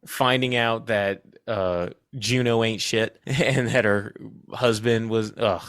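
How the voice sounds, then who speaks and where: A man co-hosting a podcast, chatting casually about a film, getting worked up and laughing, with his voice jumping high when he is indignant. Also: slow pace, clean tone, no echo, clean studio sound. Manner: animated, laughing, jumps to high indignant pitch. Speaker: podcast co-host. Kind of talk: casual movie discussion.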